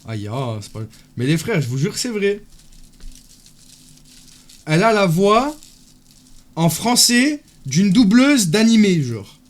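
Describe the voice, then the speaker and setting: A man chatting casually on a live stream, teasing and joking with his viewers in loose banter. His voice sits a little higher than most men's. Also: very animated, slow pace, long pauses.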